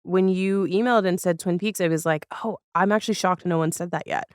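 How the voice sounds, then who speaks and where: A woman hosts a podcast in a casual, conversational chat. Her voice sits on the low side, brisk, clear, and resonant. The studio sound is clean with no echo.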